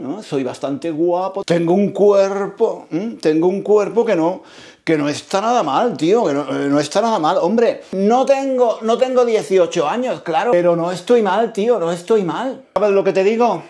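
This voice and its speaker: A high-pitched man from teaches in a theatrical, playful way. He repeats his phrases over and over and leans hard on key words. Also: normal speed, dark tone. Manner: repetitive, emphatic, theatrical. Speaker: Spanish teacher.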